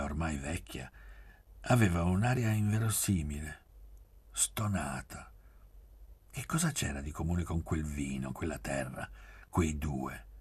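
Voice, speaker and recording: A man narrating a literary novel as an audiobook reader, measured and soft-spoken, at times dropping almost to a whisper. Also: rumbling low, slightly rough, no echo.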